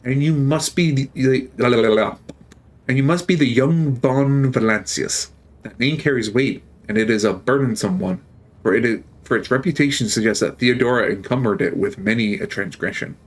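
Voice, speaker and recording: A man's voice: mid-range voice, normal speed, lightly acted. A man voicing a gaunt, sanctimonious old male priest in a video game, reading his lines in a solemn, preachy way. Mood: solemn, probing. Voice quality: rasping, harsh.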